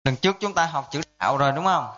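A man gives a dharma lesson as a Buddhist monk teacher, his voice a little high for a man. He talks in a conversational way and keeps asking his listeners to agree. The sound is dull and lo-fi. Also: lively intonation, quick pace, a bit bright. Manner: conversational, asks listeners to confirm often. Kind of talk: dharma class lecture.

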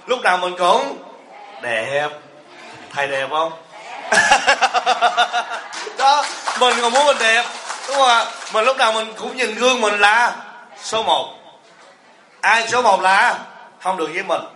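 A man's voice: sits high, animated, a little slow, pauses often, background noise. A man giving a humorous sermon as a Buddhist monk teacher, asking the audience rhetorical questions and joking with them. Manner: asks the audience rhetorical questions, jokes and teases. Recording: echoey hall.

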